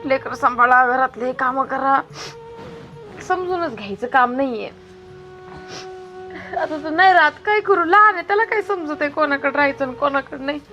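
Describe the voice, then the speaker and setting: A worn-out young mother, as a woman acts her out. She talks in a high, tearful voice and keeps complaining and coaxing. Loud background music plays under the comic family sketch. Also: lively intonation, moderate pace, pauses often, dull audio. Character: exhausted young mother, weepy, overwhelmed by baby.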